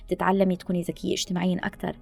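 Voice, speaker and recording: A guest speaker on listening skills talks very fast in a fairly low, gravelly voice with vocal fry. She gives animated advice in a podcast conversation, dropping in English phrases, while faint music plays underneath.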